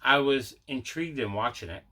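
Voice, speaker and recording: Hosting a collecting video show, a man chats casually in an unboxing segment, showing off what he picked up. He has a medium-pitched, bright, forceful voice and a brisk delivery.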